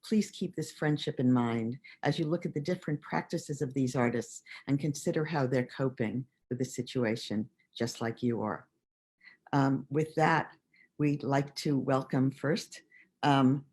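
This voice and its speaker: Measured, friendly moderator. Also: medium pitch, darkish tone, slightly rough. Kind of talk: scripted introduction.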